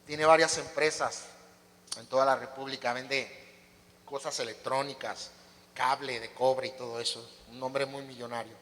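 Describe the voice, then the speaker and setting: A man's voice: medium pitch, fairly even intonation, measured pace, a bit bright, long reverb tail. A male pastor preaching a sermon emphatically, often putting questions to his congregation. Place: church.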